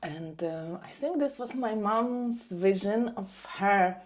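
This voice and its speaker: Podcast guest, female, forties, Ukrainian accent, mid-pitched, thoughtful stop-start conversational delivery. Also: expressive, takes it slowly, a little mellow. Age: 40s. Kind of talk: conversational personal storytelling.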